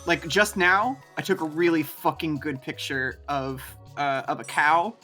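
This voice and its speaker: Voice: mid-range voice, fairly even intonation, a little slow, sharp tone, faint music behind. A co-streamer in casual chat while gaming, rambling through long thoughts with fillers, restarts and casual swearing. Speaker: co-streamer, guest.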